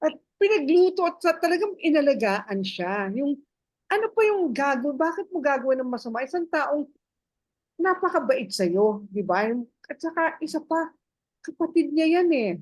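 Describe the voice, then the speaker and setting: Halting woman in casual group talk. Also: high-pitched, animated, dry recording. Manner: halting, searches for names, many fillers; mixes Tagalog with English phrases. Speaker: Bible study group member. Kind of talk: casual Bible discussion.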